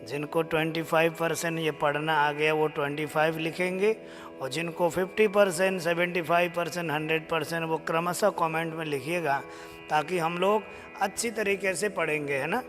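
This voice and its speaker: A man with a high voice leads a slow lesson in chanting a devotional hymn. He sings each line and then gently urges listeners to repeat it. A long reverb and faint music hang behind him. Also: fairly even intonation. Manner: chants verses slowly, then coaxes viewers to repeat. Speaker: stotra recitation teacher. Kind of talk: live stream chanting lesson.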